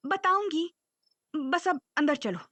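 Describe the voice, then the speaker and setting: A woman's voice: sits high, takes it slowly, fairly bright tone, no room sound. A woman playing a bossy young noblewoman. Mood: irritated. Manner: commanding, curt. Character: proud, bossy young woman, chieftain's granddaughter.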